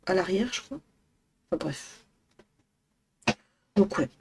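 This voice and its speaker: A woman's voice: medium pitch, animated, takes it slowly, darkish tone, slightly rough. A young woman from northern France chatting at home in a casual vlog, rambling and hesitant with many fillers. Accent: northern French. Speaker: vlogger. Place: apartment at home.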